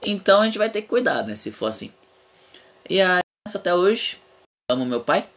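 A man's voice: high voice, very animated, normal speed, fairly bright tone. A young man hosting a casual podcast, talking frankly and rambling, swearing freely. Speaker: podcast host.

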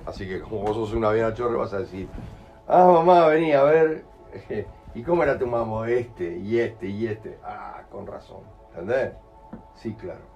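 Rioplatense male speaker, low-pitched, lively storyteller, live talk, faint music in the room. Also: moderate pace, vocal fry, muffled recording. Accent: Rioplatense Spanish. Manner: animated storyteller, acts out voices, keeps asking "¿entendés?". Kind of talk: in-person talk with audience questions.

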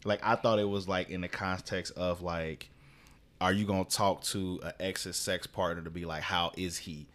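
A man co-hosting a podcast, animated and profane in a casual chat. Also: sits low, moderate pace. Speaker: podcast co-host.

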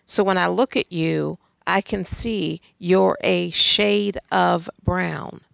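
A woman talks with emphatic, pointed conviction, pressing her points through rhetorical questions. Her voice is strongly gravelly and full of fry. The sound is close and dry, with no room around it. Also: lowish voice, fairly even intonation, takes it slowly, a bit bright, dry recording. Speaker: guest speaker. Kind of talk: conversational talk on faith and society.

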